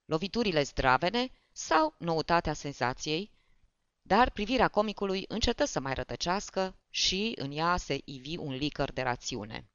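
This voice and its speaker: An audiobook narrator reading a story aloud in an expressive way. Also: medium pitch, clean tone, dry recording. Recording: dull, dry.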